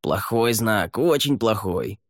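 A man's voice: lowish voice, animated, slow, no echo, clean studio sound, voice pushed up. A man voicing a nervous, superstitious sailor who keeps insisting they turn back. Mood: anxious. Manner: anxious, insistent. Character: nervous superstitious male pirate.

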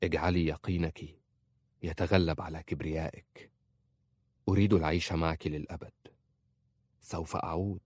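A man reading aloud as a young husband, speaking low, hushed and earnest. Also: steady tone, moderate pace, long pauses, slightly rough, dry recording, clean studio sound. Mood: tender. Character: young husband, tender but resolute.

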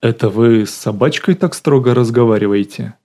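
Man voicing a dry, sly smooth-talker. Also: medium pitch, normal speed, dark tone, close to an everyday voice. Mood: dry teasing. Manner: dry, teasing, smooth-talking. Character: sly joking young man, smooth-talking con artist.

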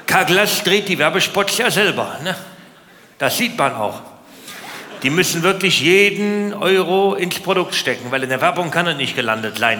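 A man with a slightly high, pushed, bright voice does a stand-up routine full of rants, playing up his indignation and firing rhetorical questions at the crowd. He's performing in a large indoor comedy venue, and the recording carries the hall's echo along with a noisy live audience.

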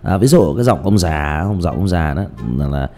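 Faint music plays behind a man with a low, expressive, slightly mellow voice speaking at a moderate pace. As a livestream host and ghost story reader, he talks casually and rambles, often starting over and repeating himself.

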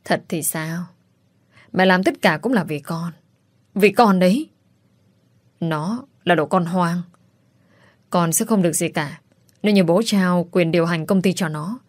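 A scheming, spiteful middle-aged stepmother, as a woman reader puts her on sneers with contempt in a story reading. Her voice sits a little low. The sound is dry and close. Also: unhurried, long pauses, dry recording. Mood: bitter.

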